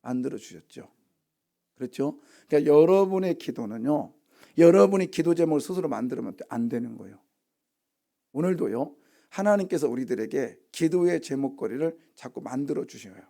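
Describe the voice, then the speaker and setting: A man preaching an early morning sermon in a chatty, questioning way, with a gravelly edge to his somewhat high voice. His tone is dark and mellow, and he slips into the voices of the people he quotes as he talks. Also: animated, moderate pace. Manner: conversational, asks the congregation questions, acts out quoted voices. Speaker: pastor.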